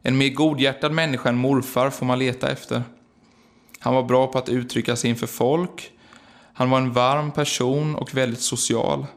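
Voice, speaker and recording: A man reading a personal memorial piece, quiet and earnest. His voice sits in a middle register and stays flat, with almost no rise or fall. The delivery is reflective and steady. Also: medium pitch. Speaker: singer remembering his late grandfather. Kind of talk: read-aloud personal memorial narration.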